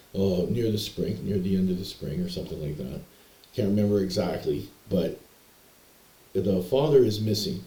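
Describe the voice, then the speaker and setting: Speaking to camera with a low-pitched, dark voice, a young man from Canada wanders through a story about his own life. The recording has an echoey room sound, and his delivery is hesitant, full of repeated words and restarts.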